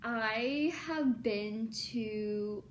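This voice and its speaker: A woman in her early twenties chatting casually to viewers in a vlog, full of ums and likes, getting excitable about things she loves. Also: fairly high pitch, drawn-out words, background noise. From born in Libya, Filipino. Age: 20s. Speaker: YouTuber.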